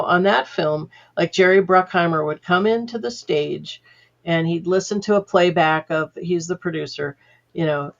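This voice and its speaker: A woman's voice: sits low, gravelly, lo-fi sound. An older woman, a sound editor as podcast guest, telling anecdotes in a chatty way full of fillers. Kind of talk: casual interview storytelling.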